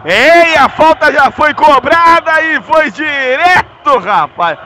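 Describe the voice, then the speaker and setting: A Brazilian man giving live football play-by-play with explosive, drawn-out, shouted goal commentary. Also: very high-pitched, lively intonation, some chatter behind, a little hiss or hum.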